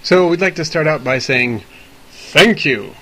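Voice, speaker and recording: A man's voice: fairly high pitch, expressive, a little slow, a bit bright, a little hiss or hum. A man hosting a podcast, explaining things casually but with precise, slightly formal wording. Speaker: podcast host.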